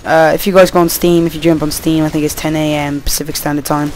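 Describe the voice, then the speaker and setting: A man's voice: a little high, level tone, fast talker, background noise. A tired young man, rambling through casual gameplay commentary and swearing at the game, recorded at home on a computer mic. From Wales.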